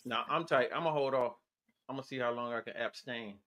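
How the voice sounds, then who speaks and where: Chill joking dude, easygoing podcast banter, middle pitch. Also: male voice, a little fast, fairly bright tone. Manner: laid-back, joking, profane slang. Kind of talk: casual chat.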